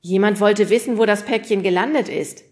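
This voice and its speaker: A woman's voice: medium pitch, a little fast, a little mellow, voice pushed up, natural voice. A woman voicing a casual grown-up postman who talks in an offhand, clipped way.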